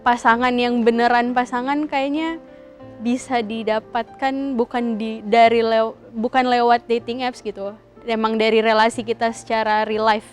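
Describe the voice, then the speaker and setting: A woman's voice: on the high side, little pitch movement, normal speed, soft background music. A nineteen-year-old female student talking casually and tentatively, hedging her views. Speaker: panel guest, university student. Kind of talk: casual discussion.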